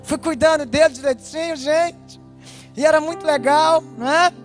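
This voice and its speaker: A woman pastor with a Brazilian Portuguese accent giving an animated personal testimony, speaking straight to her listeners. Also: high-pitched, unhurried, faint music behind. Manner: animated storytelling, addresses listeners directly. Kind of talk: personal testimony told to a congregation.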